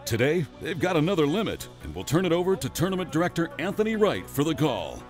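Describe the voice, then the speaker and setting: A man's voice: on the high side, sing-song, quick pace, faint music behind. A man giving scripted voice-over narration for a fishing tournament broadcast.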